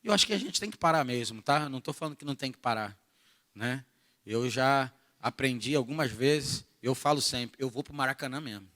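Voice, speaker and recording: A man from Brazil with a Rio de Janeiro accent preaching a sermon at a church retreat, animated and jokey, moving from soft asides to shouted bursts. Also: medium pitch, brisk. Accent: Rio de Janeiro Portuguese. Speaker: pastor.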